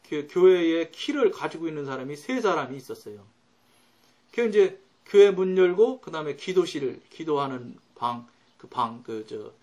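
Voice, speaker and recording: 생동감 있게 오르내리는 높은 목소리의 중년 남성 목사. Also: male voice, a little high, dull audio. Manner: storytelling with sudden loud and soft swings. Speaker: pastor. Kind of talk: sermon.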